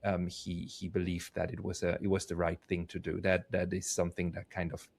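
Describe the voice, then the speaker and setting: A man from Switzerland hosting an interview, talking casually and halting, repeating words as he searches for them. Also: sits low, completely flat delivery, creaky, darkish tone. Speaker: host.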